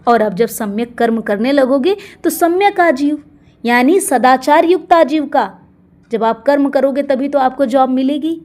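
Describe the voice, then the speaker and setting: A woman's voice: a little high, a little mellow. A woman teacher giving an exam-prep lesson, explaining terms one by one and asking questions she answers herself.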